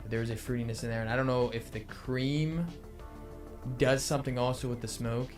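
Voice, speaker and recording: A man's voice: mid-range voice, fairly even intonation, fairly quick. A man chatting casually as a pipe tobacco reviewer, hesitating and correcting himself as he goes. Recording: music playing behind.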